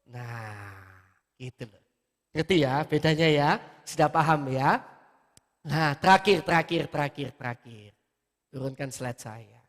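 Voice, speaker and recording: A male pastor preaching a sermon in a church, animated and full of rhetorical questions. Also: on the high side, long reverb tail. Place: church hall.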